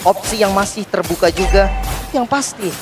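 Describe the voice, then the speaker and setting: Very high-voiced male esports commentator. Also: normal speed. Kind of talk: live esports match commentary. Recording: music running behind the voice. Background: music.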